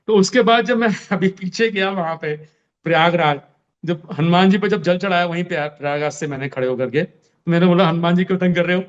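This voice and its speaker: Podcast guest, male, high-pitched, lively storyteller who voices each person, slightly muffled recording. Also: normal speed. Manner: animated, acts out his own dialogue. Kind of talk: casual storytelling.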